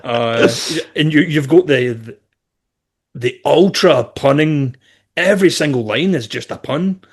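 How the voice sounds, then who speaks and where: A man co-hosting a podcast, talking in a quick, thoughtful, casual way. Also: on the high side, lively intonation, husky. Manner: quick, thoughtful, says "aye". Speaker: podcast co-host. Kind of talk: casual chat.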